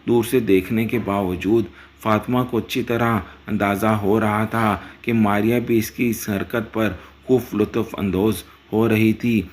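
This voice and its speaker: A man narrating a dramatic story in a steady, scripted reading. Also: lowish voice.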